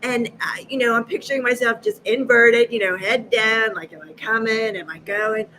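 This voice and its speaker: A woman in her fifties from Massachusetts, a guest on a live video chat, telling stories with lively acted-out dialogue and frequent laughter. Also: on the high side, moderate pace, a little hiss or hum, rough recording. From Massachusetts, USA. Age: 50s. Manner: lively, acts out quoted dialogue, laughs often. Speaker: guest, energy healer. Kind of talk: animated storytelling in a live chat.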